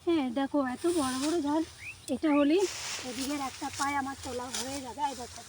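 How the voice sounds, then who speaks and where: A woman's voice: sits high, a little fast, noisy background. Young woman vlogging from a rice field. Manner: chatty, talks straight to viewers while working. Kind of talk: casual vlog narration. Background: faint rural outdoor ambience, birds.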